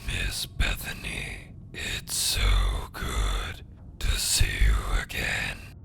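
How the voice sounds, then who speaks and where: A man voicing a deformed old male butler creature that speaks in a deep, wet, slithering whisper with stiff, old-fashioned formality. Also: very slow, a bit bright, soft background music. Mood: sinister welcome.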